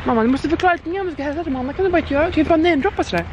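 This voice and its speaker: A woman's voice: high-pitched, muffled recording, background noise. A young woman vlogging casually, chatty and teasing as she talks to her family. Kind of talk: casual vlog chat.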